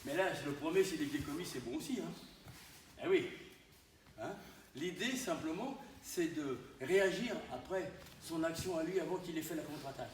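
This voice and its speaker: A man teaching karate live to his class, animated, often tagging his sentences with "hein?" and sudden exclamations. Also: on the high side, normal speed. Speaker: karate instructor. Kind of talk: live dojo teaching demonstration. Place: large echoey training hall. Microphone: distant camera mic. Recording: echoey hall from far off, noisy.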